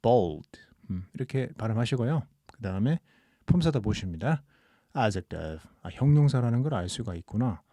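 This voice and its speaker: A man teaching English as a channel host, explaining calmly and patiently and drawing out the example sentences in a relaxed, podcast-style lesson. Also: mid-range voice, moderate pace, dry recording.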